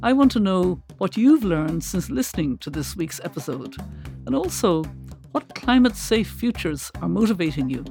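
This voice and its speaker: A woman podcast co-host with a fairly low voice and a dry, wry sense of humor. She asks guests questions and reads scripted outro lines over faint music. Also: very animated, moderate pace, vocal fry, darkish tone.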